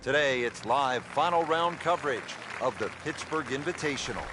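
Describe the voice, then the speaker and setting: A man's voice: medium pitch, normal speed, lightly acted. A man playing a composed TV golf announcer, calling shots and holes as the lead commentator in a sports video game, with music behind him. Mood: composed, announcing.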